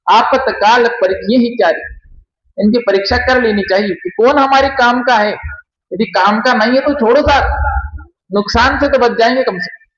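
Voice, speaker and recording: Male preacher, very high voice, sermon style, chants verses, asks rhetorical questions; echoey, muffled recording. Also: fairly bright tone. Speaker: kathavachak preacher. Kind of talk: devotional sermon with scripture quotes.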